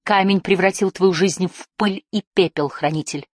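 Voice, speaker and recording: A woman's voice: lowish voice, animated, moderate pace, dry recording, clean studio sound. A woman voicing a teenage boy hero, heated and accusing, his voice trembling. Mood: intense.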